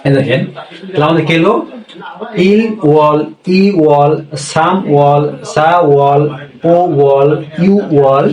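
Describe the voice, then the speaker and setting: A man teaching a Korean lesson in Bengali, speaking slowly and repeating each word with a checking "yes?". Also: on the high side, darkish tone. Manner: slow, repetitive, checks with "হ্যাঁ?". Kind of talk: classroom language lesson. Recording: echoey room, voice from far off.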